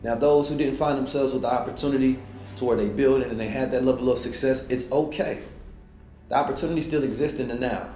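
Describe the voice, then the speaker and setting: A man's voice: mid-range voice, fairly even intonation, fast, darkish tone. A man giving a motivational talk as host, preaching and asking rhetorical questions. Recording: roomy echo with faint music.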